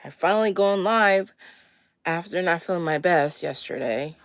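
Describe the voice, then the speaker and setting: A woman's voice: fairly low pitch, moderate pace, dry recording. A slightly wheezy woman getting over a cold, chatting casually as she hosts a question-and-answer livestream in a laid-back manner. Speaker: livestream host.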